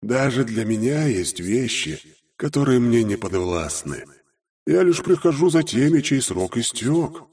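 A male audiobook narrator voicing Death as a breathy, slow, ominous whispering spirit, a little back from the mic. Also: medium pitch, expressive, a little mellow, recorded from a distance, pitched above the performer's own voice. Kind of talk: audiobook character voice.

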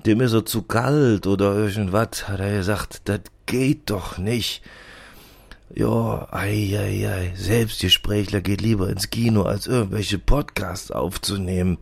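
A man's voice: fairly low pitch, fairly even intonation, a little slow, gravelly, slightly rough, full character voice. A man playing a gossipy, grumbling male lab assistant with a Rhineland accent, rambling and fumbling for names in a comic podcast monologue. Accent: Rhineland German. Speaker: podcast character.

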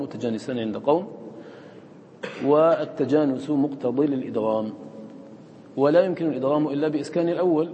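Man teaching recitation, mellow, reverberant. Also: medium pitch, dull audio, slight background noise. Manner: chants recited words slowly between fast explanations; checks on students with quick questions. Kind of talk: explaining Quran readings to students.

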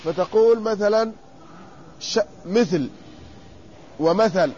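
A man teaching a classroom lesson, stretching out word forms slowly and quizzing his students. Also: high voice, a little mellow. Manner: drawn-out repetition of word forms, questioning students. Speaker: sheikh teaching inheritance law. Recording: muffled lo-fi lecture recording with faint noise.

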